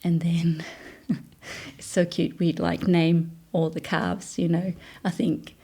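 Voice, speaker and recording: A woman from Denmark, a non-native English speaker, telling her story in a relaxed, soft-spoken interview with frequent fillers. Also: lowish voice, slow pace, slightly rough. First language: Danish.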